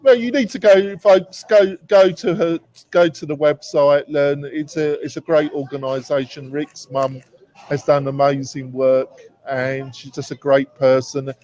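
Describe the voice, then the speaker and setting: A man's voice: on the high side, steady tone, unhurried, a little mellow. A man co-hosting a live online show, speaking earnestly and praising others. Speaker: co-host. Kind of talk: casual live-stream chat. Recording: dull lo-fi stream audio.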